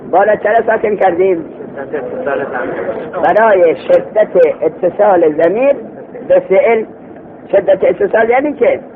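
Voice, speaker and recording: Man teaching grammar over a tinny line. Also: high-pitched. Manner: explains slowly and repeats phrases, asks rhetorical questions. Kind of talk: classroom lesson. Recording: tinny phone-like recording with faint noise.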